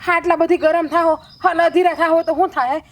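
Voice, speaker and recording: A woman plays a sensible young village wife in a village family drama, talking in a high voice and steadily reasoning for calm. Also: normal speed. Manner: calming, reasoning. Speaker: sister-in-law.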